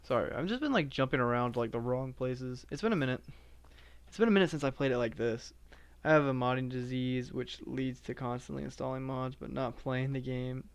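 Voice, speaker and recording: A man streaming a game and rambling on, full of "like"s and half-finished thoughts in a flat, monotone delivery. His voice is smooth and resonant, pitched squarely in the middle for a man. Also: fairly quick. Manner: rambling, filler-heavy, self-described monotone. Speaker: live-streaming gamer. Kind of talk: casual live-stream chat while playing.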